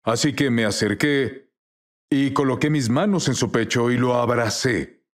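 A man's voice: medium pitch, unhurried. A man as the guest minister in a dubbed interview, telling testimonies earnestly and acting out quoted dialogue.

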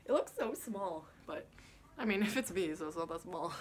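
A woman's voice: fairly low pitch, expressive, normal speed, slight background noise. A young woman from Canada chatting casually to her phone camera in her bedroom, filling her talk with "like" and "yeah". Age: young adult. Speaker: vlogger. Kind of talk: casual vlog chat. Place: small bedroom indoors. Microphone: phone camera at arm's length.

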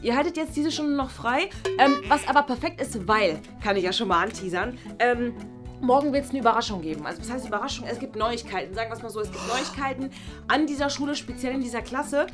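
Voicing the teacher Frau Bartsch in a toy play series, a woman plays her as scatterbrained and flustered, tripping over words and filling her speech with "äh" and "ne?". Her voice is a little high, expressive and fast, close to an everyday voice, with music in the background.

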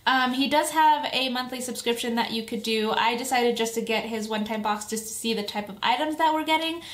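A woman chatting casually to viewers as an excited, gushing fan host of an unboxing vlog, with drawn-out emphasis and delighted exclamations. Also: on the high side. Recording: echoey room, some background noise.

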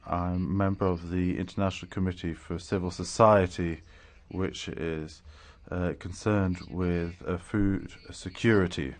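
A man giving simultaneous interpretation into English at a policy briefing, speaking in a measured way with frequent hesitations and restarts. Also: deep voice, fairly even intonation. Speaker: conference interpreter.

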